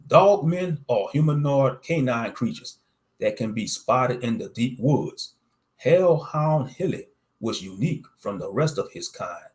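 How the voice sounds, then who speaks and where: A man's voice: mid-range voice, lively intonation, a little slow. A man reading a scripted first-person story as its narrator.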